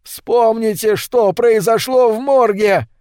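Man voicing a desperate pleading man, high and strained. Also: slow pace, mellow, smooth, no room sound, studio quality. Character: frantic pleading man fighting for his life.

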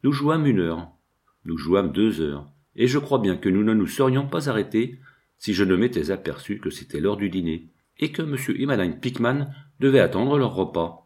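A man narrating a novel in the first person with a lively, expressive reading. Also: on the low side, normal speed. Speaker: audiobook narrator.

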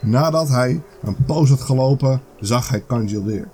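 A man's voice: medium pitch, unhurried, warm tone, slight background noise. Man reading a fairy tale aloud. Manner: casual reading with occasional stumbles. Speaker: podcast host.

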